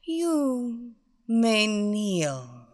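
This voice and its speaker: A woman voicing a commanding blonde female hypnotist who gives slow, purring, drawn-out orders. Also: on the high side, huge pitch swings, a little mellow, heavily acted.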